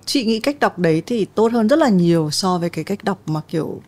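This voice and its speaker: A middle-aged woman hosts a relaxed podcast interview. Her voice is mellow and dark, and she asks thoughtful, open questions with plenty of filler sounds. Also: medium pitch, fairly quick. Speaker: podcast host.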